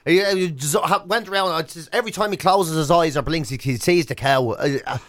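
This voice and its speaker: Speaking a little fast and on the high side, this Irish-accented man chats casually as a radio host in a studio. He tells comic anecdotes with animation, acting out both sides of each dialogue.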